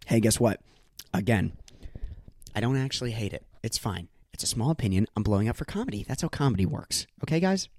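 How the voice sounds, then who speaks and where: A man's voice: lowish voice, lively intonation, brisk, a little mellow. A young man hosting a solo comedy podcast, doing exaggerated mock-angry rants laced with swearing. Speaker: podcast host.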